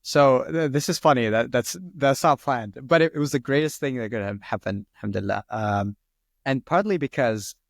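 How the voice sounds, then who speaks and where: Here a man with a gravelly, mid-range voice speaks at a normal pace, responding to a podcast's questions. In his twenties, from Sri Lanka and a first-language Arabic speaker, he rambles casually and says "like" and "um" a lot. The studio-quality audio has no room sound.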